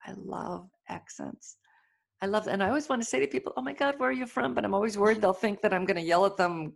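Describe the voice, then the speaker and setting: A chatty woman in casual conversation, telling personal stories with eager enthusiasm. Her voice is fairly low and has a gravelly fry to it. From United States. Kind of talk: casual chat.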